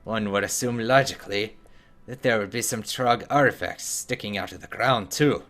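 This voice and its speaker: A man's voice: on the low side, moderate pace, a bit bright, soft background music. A man voicing an eager middle-aged male archaeologist in a fantasy game, marveling and lecturing. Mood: fascinated.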